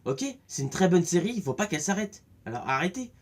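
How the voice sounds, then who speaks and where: A talkative man giving a casual, rambling spoken review, excitable and full of restarts. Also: high-pitched, fast talker. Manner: chatty, rambling, many restarts and fillers; excitable, acts out scenes with voices. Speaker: film and series reviewer.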